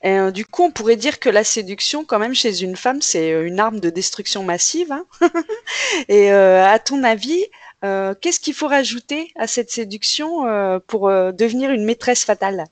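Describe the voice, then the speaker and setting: A woman's voice: medium pitch, expressive, moderate pace, no room sound. A woman hosting an interview, chatting casually with many hesitations and fillers. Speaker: interviewer host.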